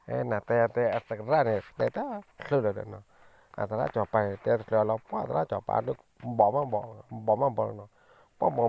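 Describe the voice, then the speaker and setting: A man's voice: medium pitch, creaky, no room sound. A man telling a story in a loose, rambling way, full of fillers, on a dull lo-fi recording. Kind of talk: casual storytelling.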